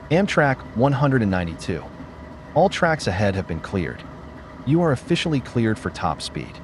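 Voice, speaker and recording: A man's voice: medium pitch, very animated, normal speed, slight background noise. A man voicing a male railroad dispatcher, giving clipped official calls over a radio transmission.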